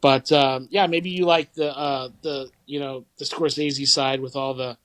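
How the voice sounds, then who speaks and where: A man's voice: mid-range voice, steady tone, unhurried, a bit bright, poor audio. A man, co-hosting a podcast in casual, rambling chat full of fillers and restarts. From St. Louis area, Midwest US. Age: 40s. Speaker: podcast co-host.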